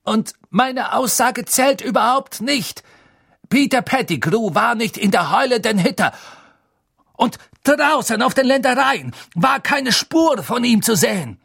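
A man's voice: sits high, big pitch swings, normal speed, hardly any pauses, breathy edge, no echo, clean studio sound, pitched above the performer's own voice, heavily acted. A man voicing a desperate teenage boy wizard who speaks in an urgent, pleading way.

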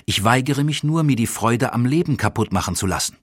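A man voicing a trusting, gentle female schoolteacher in an audiobook, speaking earnestly and with soft insistence. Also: medium pitch, lively intonation, brisk, breathy edge, no echo, clean studio sound, pitched above the performer's own voice. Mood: defiant. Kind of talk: audiobook character voice.

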